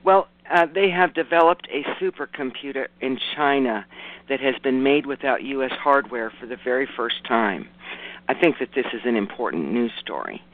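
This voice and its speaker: A raspy, hoarse man hosts an informal radio news show. He reads items hesitantly, corrects himself and drops in folksy comments. The sound is narrow and phone-like, and his pitch sits in an ordinary male range. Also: animated, moderate pace. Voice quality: raspy, rough voice. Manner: self-correcting, hesitant delivery with folksy asides. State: hoarse from hay fever. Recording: muffled, narrowband radio broadcast.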